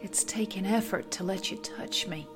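A man's voice: sits high, moderate pace, voice pushed up, natural voice. A man voicing a tough, wry young woman gunslinger, drawling in a raised voice over background music. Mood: guarded. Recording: music behind.

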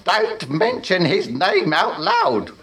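A man's voice: high-pitched, huge pitch swings, slow pace, a bit bright, pitched above the performer's own voice, full character voice. A man puts on a haughty, scaly warlock, a vain and stern male sorcerer. The voice sits well above the reader's own and lingers on each weighty word. It stays lofty and self-important throughout. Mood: pompous.

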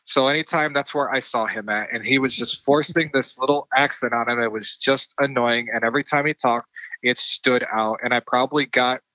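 A man's voice: mid-range voice, steady tone, brisk, pushed and bright, no echo, highs cut off. A man co-hosting a podcast, talking through a movie casually with lots of fillers and restarts. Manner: rambling, many fillers and restarts. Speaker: podcast co-host.

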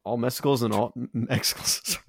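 A man's voice: on the low side, brisk. A man giving casual film commentary among friends, tossing in wry wisecracks.

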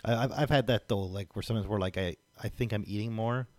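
A man's voice: lowish voice, quick pace, dry recording. A man co-hosting a podcast, chatting casually in a hesitant, stammering way. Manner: hesitant, stammering, lots of fillers. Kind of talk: casual chat.

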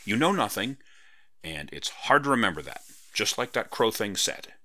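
A man reading a story, voicing a cheeky young bird-like girl with quick retorts. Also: on the low side, very animated, sharp tone, pitched above the performer's own voice.

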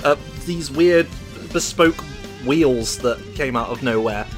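A man's voice: mid-range voice, slow, faint music behind. A man co-hosting a podcast, joking playfully in a casual chat. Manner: lively, playful, jokey asides. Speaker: podcast co-host. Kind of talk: casual chat about games.

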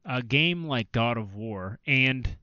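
A man chatting casually on a podcast, rambling and filling his sentences with "like". His voice is smooth and clean, recorded dry and a little dull. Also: medium pitch, animated, slow, sharp tone, no room sound. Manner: rambling, filler-heavy, restarts often. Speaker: podcast co-host. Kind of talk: casual chat about video games.

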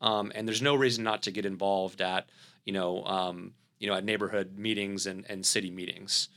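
A man's voice: low-pitched, steady tone, normal speed, a bit bright. A man with a Southern US accent, a company CEO explaining his product in a podcast interview, speaking fluently with many fillers and restarts.

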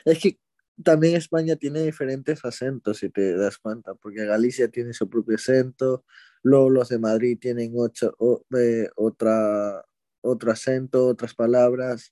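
A man's voice: mid-range voice, dry recording. Man, young adult, from Ecuador, casual interview talk, self-correcting, dry sound. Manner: relaxed, rambling, with hesitations and self-corrections. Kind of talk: casual conversation.

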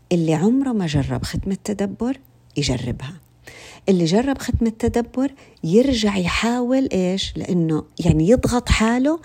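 A woman's voice: lowish voice, dark tone, breathy edge. A woman with a Levantine Arabic accent giving an informal religious talk, speaking to her listeners directly with many fillers and restarts.

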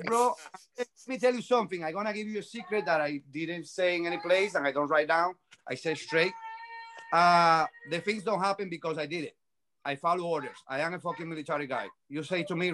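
Man in his forties, native Spanish speaker, excitable, broken English, cursing. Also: sits high. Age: 40s. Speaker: paramotor pilot. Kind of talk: casual chat.

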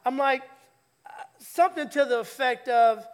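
A man's voice: very high voice, normal speed, clean tone. A man preaching a conversational sermon in church, teasing the congregation and calling for their replies. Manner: lively, teasing, calls for audience replies. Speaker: pastor. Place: church sanctuary.

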